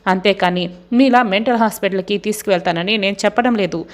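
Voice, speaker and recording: A woman's voice: medium pitch, fast talker, close to an everyday voice. A woman voicing an authoritative older father-in-law who talks in a commanding but caring way, as dialogue in a serial recap. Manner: commanding, caring toward the victim.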